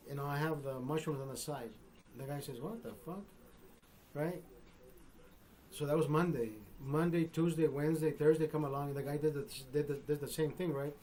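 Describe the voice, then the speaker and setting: Fifty-something guy on a live stream, swearing a ton, laughing, keeps saying bro, voice a bit high, faint hum behind. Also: darkish tone. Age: 50s. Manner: profane and loose, peppered with "bro" and "right?"; laughs often between lines. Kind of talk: casual live stream chat, telling a joke.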